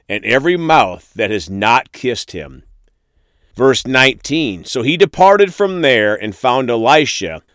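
Guy preaching a sermon real slow, reads the verses then talks to the folks, dry close sound. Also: mid-range voice, no echo. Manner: reads verses aloud, then addresses listeners as friends and folks. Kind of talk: sermon with scripture reading.

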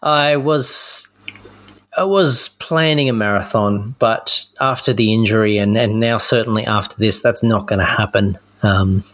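Croaky, froggy-voiced Australian man. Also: lowish voice, a little slow, a bit bright. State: croaky, froggy voice from being unwell. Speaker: podcast co-host. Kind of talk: casual chat.

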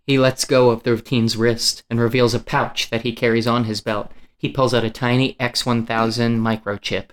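A man's voice: mid-range voice, flat delivery, normal speed. A man narrating scripted scenes as the writer reading his own screenplay aloud.

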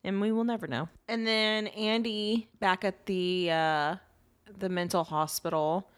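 A woman co-hosting a podcast, casually recapping a horror film scene by scene in an animated way, often laughing. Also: medium pitch, unhurried, clean tone. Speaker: podcast co-host. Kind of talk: casual movie recap chat.

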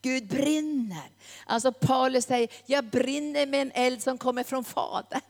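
A woman's voice: sits high, fairly even intonation, creaky. A woman preaching a sermon with a fervent, repetitive cadence. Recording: long hall reverb.

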